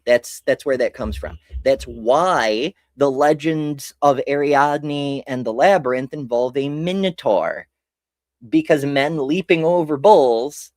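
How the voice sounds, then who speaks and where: An American host offers casual history commentary, rambling, interrupting himself, and swearing casually. The voice is medium-pitched with a darkish tone, recorded dry at studio quality.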